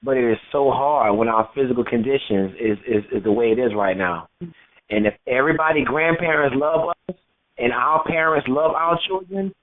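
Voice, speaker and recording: A man's voice: medium pitch, moderate pace. Man calling in on speakerphone. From Florida, United States. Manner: rambling, repeating words and restarting. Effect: on speakerphone over a phone line. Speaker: caller. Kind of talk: call-in talk show opinion. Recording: tinny phone-line audio.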